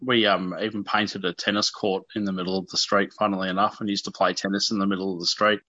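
A lowish, bright-voiced Australian man around thirty, talking candidly in an interview. His manner is informal and a little self-deprecating, with hesitations as he thinks. The sound is dry and slightly dull, like lo-fi radio. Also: level tone, fast talker, no room sound. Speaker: interview guest.

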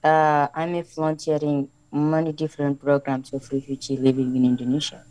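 Somali woman, really low mellow voice, slow careful halting talk, dry sound. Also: level tone, dry recording, rough recording. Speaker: guest co-presenter and refugee volunteer.

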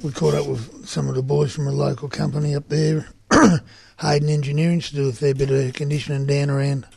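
Australian male, heavily gravelly and husky, blunt colloquial storyteller for casual radio chat, close dry sound. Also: on the high side, flat delivery, quick pace, warm tone, no room sound. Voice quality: gravelly, rough. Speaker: union organiser reporting on site visits. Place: community radio studio.

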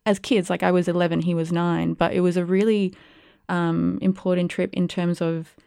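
A young woman from Perth, Western Australia, an arts curator and producer who first spoke Spanish, answers a casual interview thoughtfully, using lots of ums and likes. She speaks at a fairly low pitch with vocal fry, a darkish, smooth tone, and no echo in the clean studio recording.

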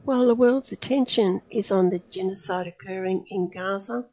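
Mellow-voiced woman introducing a radio interview. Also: medium pitch, normal speed, low-quality recording.

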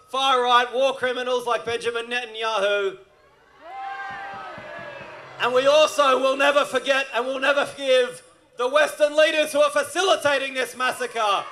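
A man speaking as an MC at an outdoor protest rally, forceful and rousing. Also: very high voice, a little hiss or hum. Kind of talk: rally speech.

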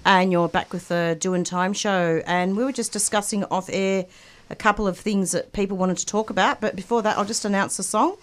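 A woman hosting a community radio talk show, announcing in a relaxed, chatty way with fillers. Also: medium pitch, brisk.

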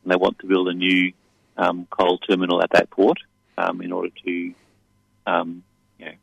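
A man's voice: deep voice, completely flat delivery, moderate pace, creaky, husky, no room sound, rough recording. A man explaining things as an activist guest in a radio interview, often restarting his phrases.

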